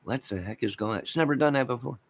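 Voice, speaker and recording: With a mid-range voice and a quick pace, an American online channel host goes on a rambling, unscripted rant. His delivery is exasperated and emphatic, and he repeats himself.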